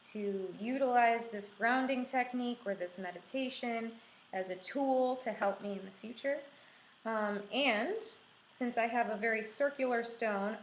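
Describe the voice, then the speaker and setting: Calm, slow-talking woman guiding a craft. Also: medium pitch. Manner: calm, unhurried, reassuring guidance. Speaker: art instructor leading a craft and meditation tutorial. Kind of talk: instructional talk while demonstrating a craft. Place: small room indoors with a window. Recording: echoey room, faint background noise.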